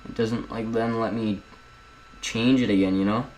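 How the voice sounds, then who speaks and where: A man's voice: lowish voice, fairly even intonation, moderate pace, darkish tone, slight background noise, rough recording. A young man at home casually talking viewers through a video editing tutorial, rambling and chatty, often calling them guys. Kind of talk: casual screen-recorded tutorial.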